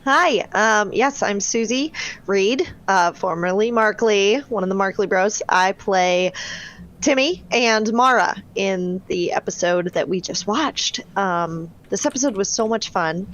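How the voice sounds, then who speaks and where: A woman's voice: medium pitch, measured pace, fairly bright tone. Modest woman on a dull lo-fi mic. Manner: modest, chatty, with fillers. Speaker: voice actor and illustrator in the cast. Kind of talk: casual chat. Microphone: online voice chat.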